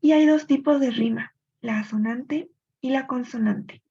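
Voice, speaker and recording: Husky, gravelly woman teaching poetry rules. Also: on the high side, warm tone. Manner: clear explanatory pace with thinking-aloud pauses. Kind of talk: recorded literature lesson. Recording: dull lo-fi recording.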